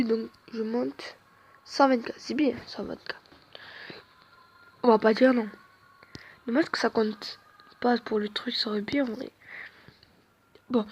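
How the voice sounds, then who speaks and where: A woman's voice: a little high, a little mellow, lo-fi sound, slight background noise. A woman commenting on her own football video game, chatting casually and cheering her players on play by play. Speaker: gamer.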